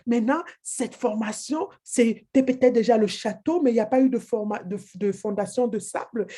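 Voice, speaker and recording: A woman's voice: high voice, warm tone, husky. A woman giving a motivational training talk, emphatic and direct, repeating her key phrases to the listener. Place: living in England.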